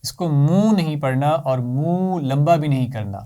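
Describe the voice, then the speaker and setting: A man teaching a children's Quran reading lesson, patient and clear, saying each sound slowly for the class to repeat. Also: fairly high pitch, mellow.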